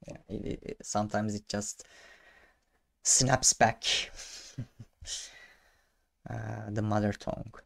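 A young Turkish man, whose first language is Turkish, walks through a casual screen-share coding tutorial from his desk in a small indoor room. His voice is on the low side, gravelly and a bit bright, with a flat delivery. As a programming tutor he halts often, restarting and filling gaps with fillers, and seems amused at himself.

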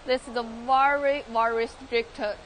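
Chinese-accented woman giving slow factory tour. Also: fairly high pitch, fairly even intonation, a little hiss or hum. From China. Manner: halting non-native English, repeats words, many fillers. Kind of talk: live factory tour walkthrough. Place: large industrial workshop and outdoor factory yard.

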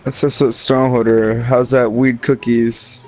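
A man's voice: mid-range voice, little pitch movement, a little slow, rough recording. A young man chatting casually and jokingly while playing an online game. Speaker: gamer. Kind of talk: casual joking chat during online gaming. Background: music.

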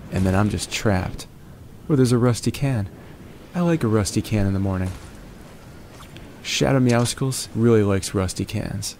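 Wandering onto tangents, this gaming commentator in his forties jokes around in morning-DJ style, greeting viewers with "baby" and "my friends." His lowish voice is darkish in tone, with slight background noise.

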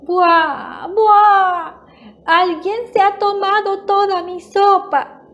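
A woman voicing a tiny, sweet baby bear cub in a children's storybook, with thin, squeaky cries. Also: takes it slowly, fairly bright tone, dull audio, heavily acted. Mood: wailing. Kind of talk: storybook voice acting.

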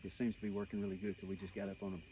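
Middle-aged male, Arkansas accent, folksy and even, distant outdoor night recording with clear background noise. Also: low-pitched, very fast. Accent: Arkansas Southern. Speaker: alligator hunter. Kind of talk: casual explaining to camera. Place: open boat on water at night.

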